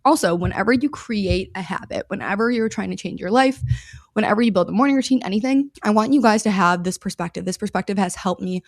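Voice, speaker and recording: A woman's voice: medium pitch, fast, dry recording, studio quality. A woman hosting her own podcast, talking casually and upbeat as she teaches, repeating phrases for emphasis. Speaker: podcast host. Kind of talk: casual instructional podcast talk.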